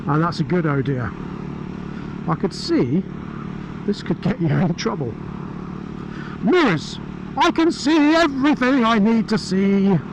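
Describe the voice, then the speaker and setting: A British man with a fairly high voice talks through a helmet mic as he rides, keeping up a chatty, enthusiastic running commentary. Engine rumble and wind noise sit clearly under his voice. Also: lively intonation, a little slow, long pauses. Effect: speaking through a helmet mic while riding. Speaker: motorcycle reviewer. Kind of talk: riding commentary. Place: on a motorbike on open roads. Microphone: helmet-mounted mic.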